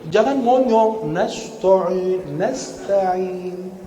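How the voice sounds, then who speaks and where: A high-pitched man lectures in an animated, teasing way and coaches his listeners one sound at a time. His voice echoes around a large mosque hall over a faint murmur of room noise. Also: very slow. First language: Arabic. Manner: animated, teasing, drills pronunciation with the audience. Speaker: Quran teacher and preacher. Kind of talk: religious lecture with recitation drills.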